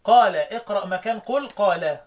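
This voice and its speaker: A high-pitched man with an Egyptian accent teaching Quran recitation readings. He explains the verses one by one and keeps quizzing his student. He slows right down whenever he recites a verse. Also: lively intonation, highs cut off. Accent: Egyptian Arabic.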